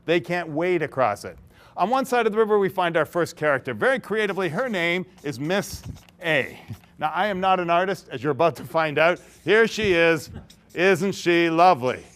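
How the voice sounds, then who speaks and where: A man's voice: a little high, expressive, moderate pace, a bit bright. A man giving an interactive keynote talk to a large audience. He tells a story, acts out its characters and laughs often. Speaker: keynote speaker. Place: large conference hall.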